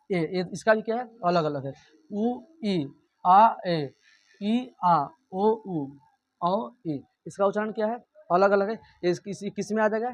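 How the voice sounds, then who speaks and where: A young man teaching a grammar lesson, asking the class questions and answering them himself, repeating each point. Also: high-pitched.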